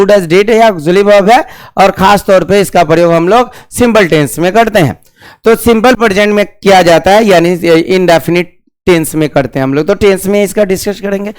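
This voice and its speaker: Male teacher; smooth, resonant voice, asks and answers his own questions. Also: high voice. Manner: repeats key words, asks questions then answers them. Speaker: English grammar teacher. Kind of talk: classroom grammar lesson.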